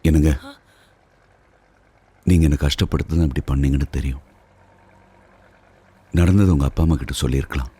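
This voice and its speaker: An actor playing a protective elder brother in a film drama, speaking in a measured, restrained way. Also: male voice, extremely low pitch, mellow. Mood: grave, pleading. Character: protective elder brother, grown man, stoic and steady. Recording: film soundtrack with clear music behind.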